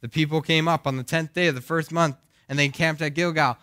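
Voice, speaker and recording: A young male pastor preaching in an earnest, questioning way, his voice groggy. The tone is bright and forceful, and the sound is close and dry. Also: fairly high pitch, fairly even intonation, quick pace, no room sound. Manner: earnest, asks the congregation questions. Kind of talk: sermon.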